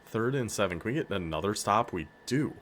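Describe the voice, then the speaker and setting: A man with a northern American accent giving casual, excitable commentary on his football video game, hyping up his players and laughing often. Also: fairly low pitch, a little fast, slight background noise. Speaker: gaming YouTuber.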